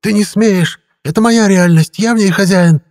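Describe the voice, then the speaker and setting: A man's voice: sits high, expressive, slow, gravelly, a bit bright, husky, pitched above the performer's own voice, heavily acted. A man voicing the malevolent snake-like spirit of a cursed ring, with a howling, shrieking voice and a gloating, menacing manner in an audiobook. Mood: furious. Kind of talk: audiobook character voice.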